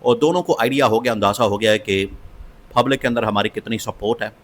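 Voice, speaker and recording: A man's voice: fairly low pitch, quick pace. A man giving opinionated political commentary, emphatic and scornful, and he repeats phrases for stress.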